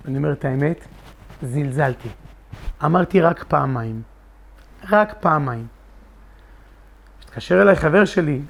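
A middle-aged man telling a personal testimony with passion, acting out his own pleading in dialogue. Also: fairly high pitch. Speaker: storyteller sharing a personal testimony. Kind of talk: emotional first-person storytelling.

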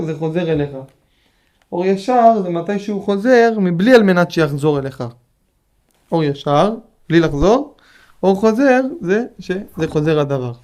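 Mellow-voiced man teaching a Torah lesson. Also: a little high. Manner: repeats phrases and explains patiently to listeners. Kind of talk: Torah lesson, reading and explaining a text.

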